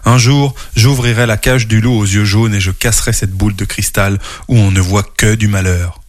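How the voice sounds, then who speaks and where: A man's voice: fairly low pitch, steady tone, moderate pace, voice pushed down, natural voice. A man voicing a lonely orphan boy from a circus in a read-aloud storybook. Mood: wondering. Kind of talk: storybook reading.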